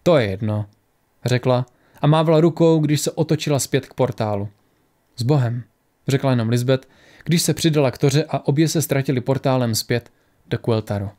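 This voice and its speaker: A man narrating a fantasy audiobook in a steady storytelling manner. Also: medium pitch.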